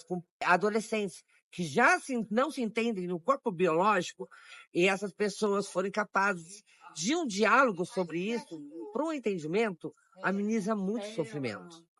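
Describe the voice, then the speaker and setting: A woman in her forties giving a documentary testimony in a measured, reflective way with pauses. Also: medium pitch, expressive, a bit bright, dry recording. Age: 40s. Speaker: interviewee.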